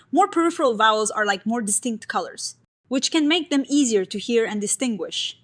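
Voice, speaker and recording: A woman hosting a science explainer, giving a scripted narration of a research paper in a clear, upbeat, explanatory way with everyday comparisons. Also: fairly high pitch, fairly bright tone.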